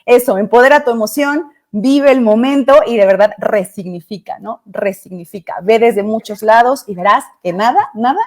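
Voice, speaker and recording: A woman speaks on an online panel over a video call. She is emphatic and rattles off commands in quick lists. Her voice sits a little high. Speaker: panelist, teacher and writer.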